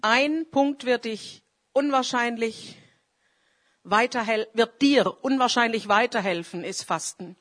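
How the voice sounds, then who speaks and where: At a measured pace and in a slightly high voice, a woman preaches a fervent charismatic sermon. She alternates between loud calls and quiet confession, breaking into prayer aloud partway through.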